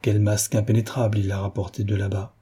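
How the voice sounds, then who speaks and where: Brief: man as a troubled young wife musing; hesitant, husky, dark tone. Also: on the low side, level tone, fast talker. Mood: uneasy. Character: unsettled young married woman.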